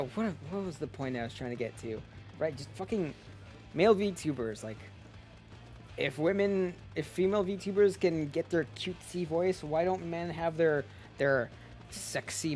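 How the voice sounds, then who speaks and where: Rambling, foul-mouthed male streamer. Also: medium pitch. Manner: rambling, swears a lot. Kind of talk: casual live game stream chat.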